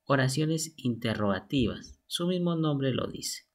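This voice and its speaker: A man's voice: mid-range voice, animated. A man teaching a lesson from slides, methodical and reading examples aloud. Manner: slow, methodical, reads out examples. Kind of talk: slide lesson on sentence types.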